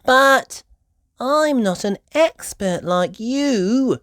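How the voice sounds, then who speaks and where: A woman voicing an excitable, earnest little girl pig with wide-eyed exclamations in a children's storybook read-aloud. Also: a little high, extremely slow, no room sound, studio quality, voice pushed up. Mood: excited, eager.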